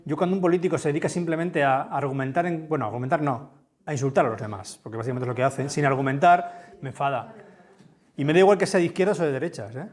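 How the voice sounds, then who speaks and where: A man from with a big, booming voice gives a conference talk in a lecture room, speaking conversationally and often checking in with his listeners. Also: fast talker. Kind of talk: conference talk with audience questions.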